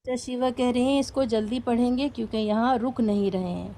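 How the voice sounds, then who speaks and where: A woman's voice: on the high side, steady tone, mellow, a little hiss or hum. A woman teaching a recitation class, explaining each rule patiently step by step and asking her students questions.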